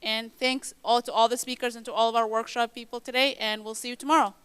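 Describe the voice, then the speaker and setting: A woman moderating a conference, wrapping up the day with upbeat, brisk closing remarks. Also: on the high side, level tone, a bit bright, smooth, dry recording.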